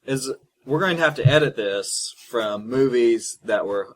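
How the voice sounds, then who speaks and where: A man's voice: medium pitch, lively intonation, measured pace, low-quality recording. A man co-hosting a casual podcast, steering the talk and asking questions. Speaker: podcast co-host.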